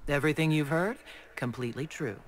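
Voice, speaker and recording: A voice actress playing a tough, brave female game hero with a warm yet tough voice and a blunt, matter-of-fact delivery. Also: low voice, fairly quick, a little hiss or hum, lightly acted. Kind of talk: video game character dialogue.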